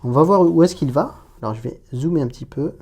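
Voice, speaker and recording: A woman's voice: low-pitched, lively intonation, fast, mellow, breathy edge. A woman teaching an Arabic reading lesson, patiently reading word by word and explaining pronunciation.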